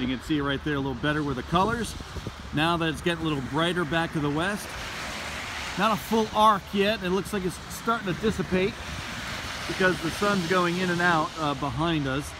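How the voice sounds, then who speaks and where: An American man, a middle-aged meteorologist, giving casual, halting weather commentary and explaining what he sees as he films on a phone. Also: sits high. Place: in a car, then outdoors by a wet roadside. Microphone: handheld phone at arm's length. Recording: noisy phone video with traffic and outdoor noise.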